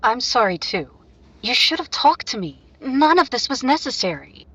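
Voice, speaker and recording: A woman's voice: fairly high pitch, big pitch swings, moderate pace, pushed and bright, breathy edge, heavily acted. A woman playing a wronged but resolute business partner in a radio detective drama, subdued and regretful. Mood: sad, regretful. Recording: dull lo-fi sound, music underneath.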